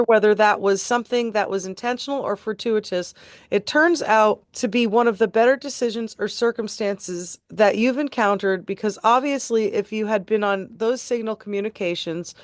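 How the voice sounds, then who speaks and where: A woman's voice: mid-range voice, no room sound. Woman reading a transcript aloud, dry. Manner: steady, deliberate reading aloud. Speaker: tribute band host reading court transcripts.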